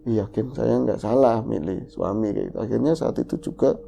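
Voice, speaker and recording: A man co-hosting a horror podcast, retelling a ghost story in the first person with animated delivery. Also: moderate pace, vocal fry, slight background noise. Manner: animated, voice jumps high for quoted lines.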